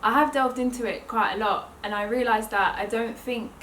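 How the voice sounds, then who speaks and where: Higher-voiced young woman, echoey and distant. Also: fairly even intonation, normal speed, fairly bright tone, a little hiss or hum. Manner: reflective, uses many fillers like "like". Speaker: fashion design student. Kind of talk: documentary interview. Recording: roomy, mic set far off.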